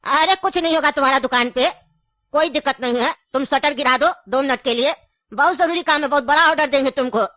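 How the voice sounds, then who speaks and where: A woman's voice: high-pitched, a little fast, bright, forceful tone, no echo, studio quality. A woman voicing an elderly grandfather in a cartoon, cunning and grieving, with an insistent, coaxing way of talking. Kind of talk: cartoon voice acting.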